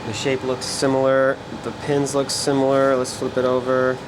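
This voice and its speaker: A man with a mid-range voice talks at a normal speed, casually narrating each step of an electronics repair as he does it. He presents as a repair technician, and a steady fan-like hum runs in the background.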